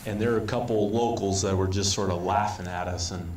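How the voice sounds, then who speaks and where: A man's voice: low voice, fairly even intonation, a little fast, a little mellow. An American man telling a travel story in an easygoing, storytelling way, with frequent ums. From United States. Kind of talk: casual travel advice video. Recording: roomy, distant, faint background noise.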